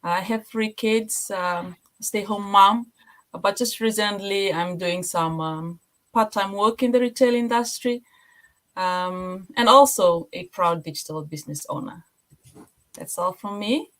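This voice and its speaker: Guest, woman from Fiji, plain friendly delivery, mid pitch. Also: unhurried, fairly bright tone. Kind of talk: casual online live chat.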